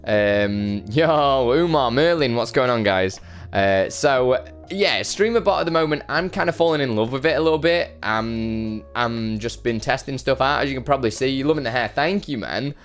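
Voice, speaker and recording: A man's voice: medium pitch, animated, normal speed, smooth, soft background music. A man chatting casually on a live stream, rambling and self-deprecating as he greets viewers by name and answers their questions. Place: his brother's home.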